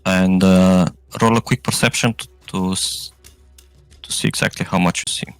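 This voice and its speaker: A man's voice: low-pitched, steady tone, normal speed, smooth, dry recording, soft background music. A man narrating a tabletop role-playing game as game master, improvising and often searching for his words.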